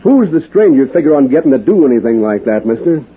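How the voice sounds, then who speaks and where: A folksy small-town sheriff. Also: male voice, medium pitch, very animated, quick pace, slightly rough. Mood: earnest. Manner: folksy, earnest. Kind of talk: 1940s radio acting. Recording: tinny old radio broadcast.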